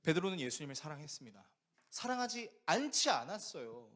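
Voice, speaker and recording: A man preaching a sermon as pastor, animated and conversational, often asking the congregation questions. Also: fairly high pitch, a little fast.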